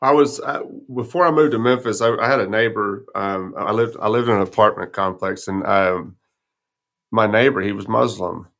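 This podcast host is a man with a folksy West Texas twang, chatting casually and sharing personal stories. His voice sits lowish, a bit creaky and fairly bright, and he talks at a normal speed.

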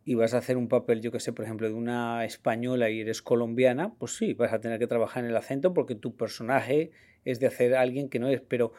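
A man's voice: medium pitch, fairly even intonation, quick pace, few pauses, mellow. Friendly guy hosting a chat, talks a lot, teasing, normal voice. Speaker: podcast host, interviewer. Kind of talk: casual interview chat.

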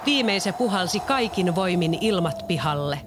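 Steady children's-story narrator, middle pitch, faint hiss behind. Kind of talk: storybook read-aloud.

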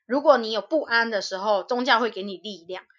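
A young woman, co-hosting a podcast in casual chat. She tells stories lively, acts out quotes and laughs often. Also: on the high side, fairly quick, lo-fi sound. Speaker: podcast co-host.

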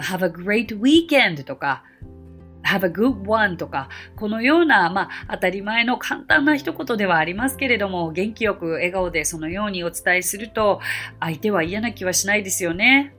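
A woman's voice: mid-range voice, fairly bright tone. A woman hosting an English-lesson podcast, reading listener messages in a polite, cheerful way and mixing in spoken English phrases. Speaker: English teacher and podcast host.

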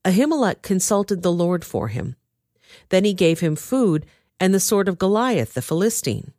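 A woman's voice: lowish voice, very animated, moderate pace, darkish tone, dry recording, studio quality. A woman reading the part of a sly male informer who reports to the king. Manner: telling tales.

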